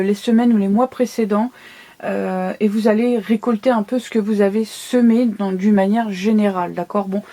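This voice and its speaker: A woman talks with a lisp from her new braces in a fairly high, very mellow voice. She reads tarot cards casually, explaining as she goes and checking that you follow. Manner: conversational, explanatory, often checks listener follows. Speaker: tarot card reader. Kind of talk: casual monthly tarot reading to viewers.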